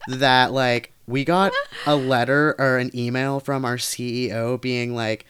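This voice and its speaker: A woman co-hosts a casual podcast with an unusually deep, low-pitched voice. She talks wryly and teasingly, spinning her anecdotes with dry humor. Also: measured pace, smooth. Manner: teasing, wry, animated storytelling. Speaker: podcast co-host. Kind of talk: casual chat.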